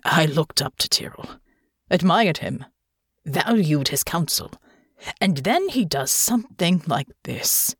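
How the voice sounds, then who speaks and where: A woman's voice: sits low, big pitch swings, takes it slowly, breathy edge, dry recording, clean studio sound, full character voice. A woman voicing a weary, bitter older baron who mutters and sighs. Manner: muttering, sighing.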